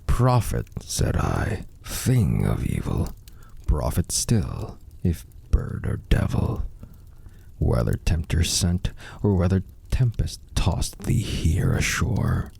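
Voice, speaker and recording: A man giving a dramatic, brooding recitation of gothic poetry in a gravelly, breathy rasp, drawing out words theatrically. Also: low voice, huge pitch swings, takes it slowly, mellow. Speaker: poetry reader.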